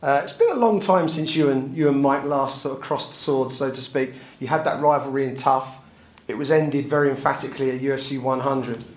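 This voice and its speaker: A man's voice: mid-range voice, brisk. Male sports interviewer in an echoey room. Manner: long, detailed questions.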